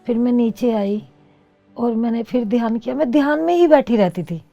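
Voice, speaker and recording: Gravelly-voiced middle-aged woman recounting. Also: a little high, moderate pace, warm tone, dull audio, soft background music. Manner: earnest, reflective storytelling. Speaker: interview guest. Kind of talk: personal testimony.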